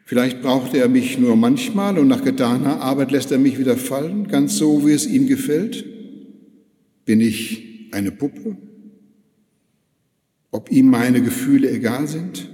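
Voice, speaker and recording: A man's voice: fairly high pitch, lively intonation, slow, mellow. A man voicing a weary despairing prophet. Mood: brooding. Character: despairing old male prophet, weary leader. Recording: echoey church hall.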